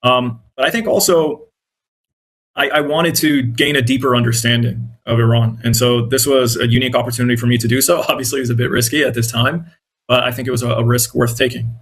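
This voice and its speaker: He speaks a little fast in a steady, medium-pitched, fairly bright voice, his accent American. Born in Iraq but raised in the United States, this independent journalist and content creator answers an interviewer's questions in an earnest, conversational way.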